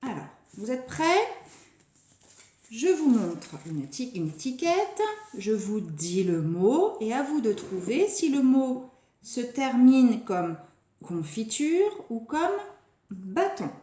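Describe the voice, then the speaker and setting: A woman teaching a phonics lesson to young children, stretching and repeating each word slowly and deliberately. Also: a little high, big pitch swings, dark tone. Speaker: preschool teacher. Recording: echoey room.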